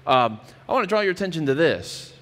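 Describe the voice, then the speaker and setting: A pastor in his thirties preaches from a church stage backed by a wood-paneled wall, earnestly explaining scripture and frequently starting his phrases over. His voice is a little high, a little fast, and fairly bright, delivered with great animation. The recording carries the reverb of a church hall.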